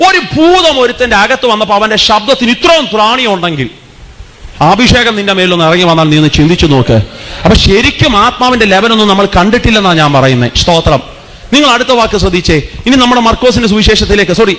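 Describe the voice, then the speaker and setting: A man preaching a revival sermon with a bright, forceful edge to his voice. He keeps putting questions to the congregation and calling on them to give praise. His voice sits high for a man. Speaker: pastor. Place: church meeting.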